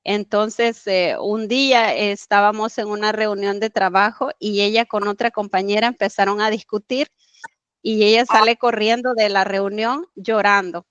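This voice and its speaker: A woman guest telling a personal story in conversation, earnest and halting, with frequent fillers. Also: medium pitch, steady tone, a bit bright, clean tone, no room sound, highs cut off. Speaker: interview guest.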